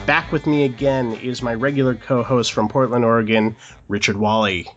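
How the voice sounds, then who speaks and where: Chatty male podcast host with slight fry. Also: medium pitch, steady tone, muffled recording, faint music behind. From Utah. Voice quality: slight morning vocal fry. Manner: chatty, quick asides with hedging fillers. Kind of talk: casual podcast chat. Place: Los Angeles area.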